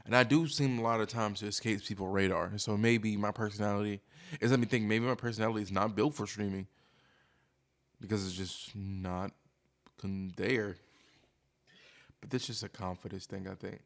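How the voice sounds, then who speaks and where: A man's voice: on the low side, fairly even intonation, moderate pace, long pauses. A man streamer talking casually and candidly in a rambling, hesitant, self-deprecating monologue, as if thinking aloud.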